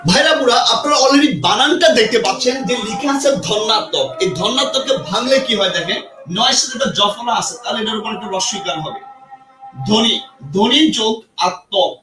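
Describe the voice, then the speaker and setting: High bright guy teaching a live class, keeps quizzing viewers, echoey room. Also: fairly quick, music in the background. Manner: energetic, repeats points and quizzes viewers. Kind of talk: live online grammar class. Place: indoor room with a ceiling fan.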